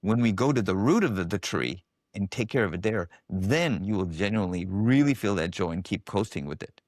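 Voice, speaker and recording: A low-pitched man talks as a guest on a podcast, his pitch leaping around as he tells stories. He acts out the voices of the people he quotes. The sound is dry and close. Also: expressive, fairly quick, no echo. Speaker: guest, biofeedback specialist. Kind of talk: casual interview storytelling.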